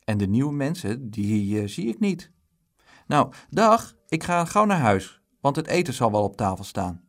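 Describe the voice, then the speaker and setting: A man voicing a calm, sensible twelve-year-old girl who speaks gently and coaxingly. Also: medium pitch, a little slow.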